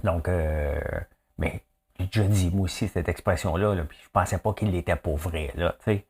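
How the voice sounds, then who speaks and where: With a low, somewhat mellow voice and a breathy edge, a man with a Québécois French accent delivers casual daily news commentary at a moderate pace. He records from a rural home, joking around and adding many fillers and asides.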